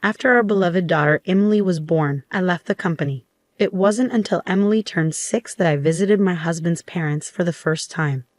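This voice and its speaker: A woman narrating a first-person story in a steady, scripted read. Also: on the low side, normal speed, no echo.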